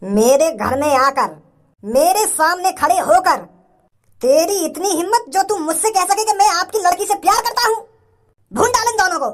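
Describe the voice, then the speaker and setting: A man voicing a gruff, hot-tempered rustic father in a cartoon, with a village dialect. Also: very high-pitched, sing-song, slow, full character voice. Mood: furious. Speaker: girl's father. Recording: faint background music.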